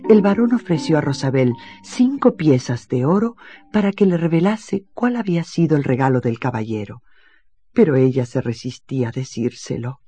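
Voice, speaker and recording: Lively storybook narrator with music. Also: medium pitch, moderate pace. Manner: expressive, lively.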